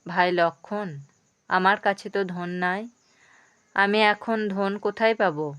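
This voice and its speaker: Woman doing a calm gentle divine prince. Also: medium pitch, slow pace, clear, resonant tone, no echo.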